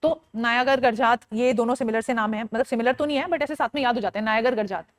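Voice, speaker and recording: A woman with a slightly high voice speaks at a quick pace in a steady tone, with no room sound. She is a teacher giving an online exam-prep lecture, quizzing listeners, answering her own questions, and drilling lists in a sing-song chant while mixing in English phrases.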